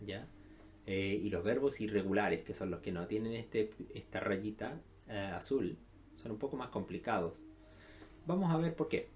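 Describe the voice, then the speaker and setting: A man's voice: fairly low pitch, moderate pace, a little mellow, slight background noise. A man, teaching an English lesson in a recorded online class. He explains step by step, with many filler sounds, and often checks in with his students.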